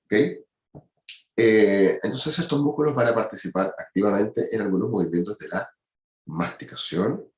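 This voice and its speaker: A man's voice: on the low side, normal speed, a little mellow. Man lecturing in an echoey classroom. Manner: explanatory, peppers speech with "¿ya?" and "¿cierto?". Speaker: anatomy lecturer. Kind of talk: university lecture.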